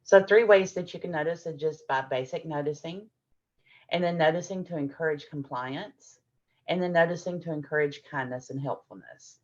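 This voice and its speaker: A middle-aged woman with a deep voice runs a parenting workshop at a moderate pace, recorded in lo-fi sound. She walks through patient examples warmly, acting out both the adults' and the children's lines.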